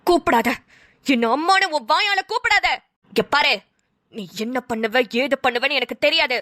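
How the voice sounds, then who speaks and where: A woman's voice: high voice, moderate pace, pushed and bright, dry recording, studio quality, voice pushed down. A woman voicing a stern, grieving mother who barks clipped orders at her son in a cartoon. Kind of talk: dubbed cartoon voice acting.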